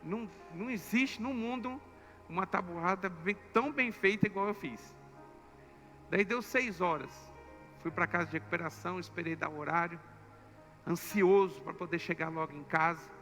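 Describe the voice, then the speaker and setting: Male pastor, high, bright voice, animated storytelling, reverberant church. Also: normal speed. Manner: emotional and animated, acting out the story. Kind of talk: sermon storytelling. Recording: echoey church hall with soft music.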